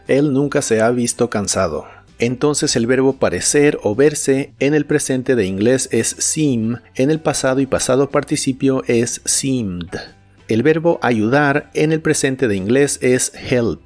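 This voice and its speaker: A male teacher delivers a scripted lesson at a mid pitch, explaining each point plainly. He slows right down for each example phrase and says it with care. Soft music plays behind him. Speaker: language teacher.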